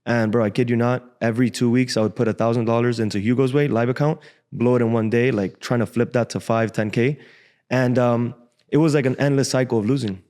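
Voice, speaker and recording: Young Cuban-born guy from Miami, casual and frank, slangy, studio boom mic. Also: a little mellow. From Cuba, raised in Miami. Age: 20s. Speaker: guest trader. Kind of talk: casual interview storytelling. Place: podcast studio, indoors. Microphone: desk boom mic.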